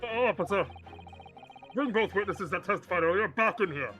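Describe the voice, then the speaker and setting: Man playing a quick, high-pitched courtroom judge. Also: sharp tone. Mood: formal. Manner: formal, official. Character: formal male courtroom judge.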